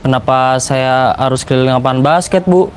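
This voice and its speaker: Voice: medium pitch, normal speed, slight background noise, close to an everyday voice. A performer playing a timid schoolboy in a classroom role-play, answering in hesitant, apologetic mumbles.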